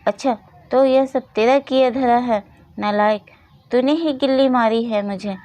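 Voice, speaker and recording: Woman doing a grumpy farmer dad voice, gruff, still kinda high, storybook style. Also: unhurried, mellow, no room sound, lightly acted. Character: poor village farmer father, irritable. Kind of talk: storybook narration with voiced roles.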